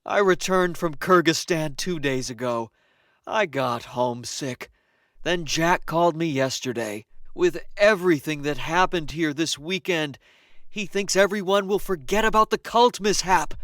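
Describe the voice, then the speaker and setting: A sitcom character, a returning coworker, talking in an excitable, effusive way. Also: mid-range voice, measured pace, dry recording, clean studio sound. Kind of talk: sitcom acting.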